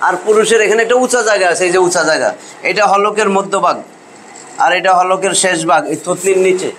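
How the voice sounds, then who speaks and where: A high-voiced man teaches recitation, repeating the letter sounds in a sing-song chant. He talks in a lively, scolding way. Clear background noise sits behind him on the recording. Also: fast. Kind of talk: colloquial tajweed lesson. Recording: noisy background.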